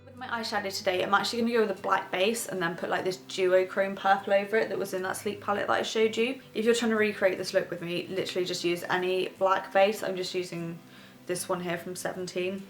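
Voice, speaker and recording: A young woman, a beauty vlogger, sits on her bed and rambles casually through a chatty get-ready-with-me makeup tutorial, talking as she applies her makeup. Her mid-range voice moves quickly with little change in pitch, and soft music plays in the background.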